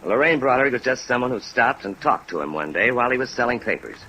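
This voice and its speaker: An actor playing an earnest, discouraged American insurance claims man, halting and sincere, in a 1950s radio drama. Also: medium pitch, expressive, bright, forceful tone, low-quality recording. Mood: earnest, weary. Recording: vintage radio recording with rain noise.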